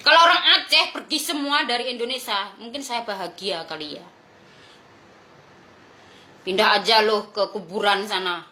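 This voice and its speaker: A woman's voice: medium pitch, pushed and bright, echoey room. A woman vlogger delivering a blunt, crude, confrontational rant to her viewers. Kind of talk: ranting monologue to viewers.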